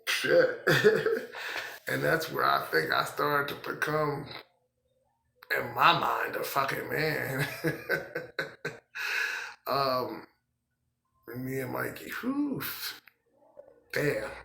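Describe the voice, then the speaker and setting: A man from tells his own life story, halting and profane, with many fillers. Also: mid-range voice, fairly even intonation, gravelly, pushed and bright, reverberant, slight background noise, low-quality recording. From Philadelphia, US. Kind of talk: personal storytelling.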